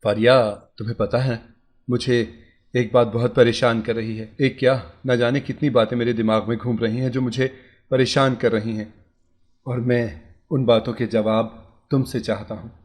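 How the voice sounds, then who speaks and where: A man voicing a young husband who worries aloud and gently coaxes his wife in a storybook tale. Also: mid-range voice, flat delivery, moderate pace, natural voice. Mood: earnest. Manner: anxious musing, soft coaxing. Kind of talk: storybook character voice.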